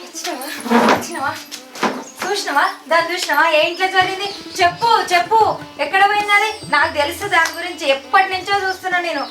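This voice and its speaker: An actress playing a nosy, suspicious village wife with a Telangana Telugu accent. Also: female voice, very high voice, quick pace, roomy sound, far from the mic. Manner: nosy, insistent, accusing. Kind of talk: village short film acting. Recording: music behind.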